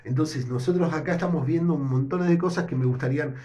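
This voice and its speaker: A man teaching a lesson with a Rioplatense accent, explaining step by step and often checking in with a quick question. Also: a little high, dark tone. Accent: Rioplatense Spanish. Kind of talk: recorded language lesson. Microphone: no whiteboard, improvising with notes.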